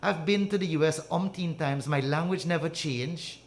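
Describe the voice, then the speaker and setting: A middle-aged man from Guyana with a Guyanese accent, co-hosting a studio radio talk show, halting and repeating words as he builds his point. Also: fairly high pitch. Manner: halting, repeats words, grows loud and proud. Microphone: studio mic with headphones.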